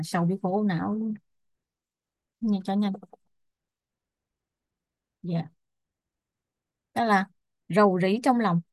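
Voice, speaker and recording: Một người phụ nữ đang giảng bài, đọc chậm từng thuật ngữ, đánh vần rồi giải nghĩa như cho học viên chép. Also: female voice, mid-range voice, a little mellow, no echo, clean studio sound. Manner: spells out Pali terms and glosses them slowly. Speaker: Buddhist Abhidhamma teacher. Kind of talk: slow dictation-style teaching.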